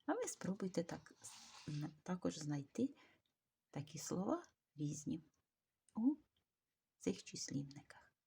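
Slow gravelly-voiced woman teacher. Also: lowish voice, sing-song, mellow. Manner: slow, careful dictation of words. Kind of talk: video grammar lesson.

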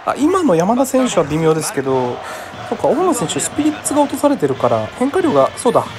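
A game streamer from Kagoshima, Japan, casually comments on his own baseball video game, reacting aloud and often apologizing, with game crowd noise behind him. His voice sits high, swings hugely in pitch, and moves fast.

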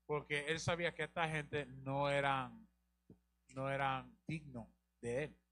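A man's voice: medium pitch, fairly even intonation, measured pace, fairly bright tone. A man teaching the Bible on a live show, asking rhetorical questions and repeating key lines. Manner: rhetorical questions and repetition, directs the reader.

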